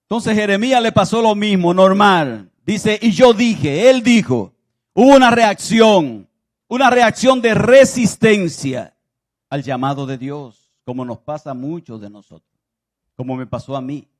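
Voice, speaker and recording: A man preaching with fervor, his voice set a bit above the usual male range. He rises to loud exclamations, drops to a quiet, confiding tone, and acts out biblical voices as he tells the stories. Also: high voice, a little slow. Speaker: pastor. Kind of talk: sermon.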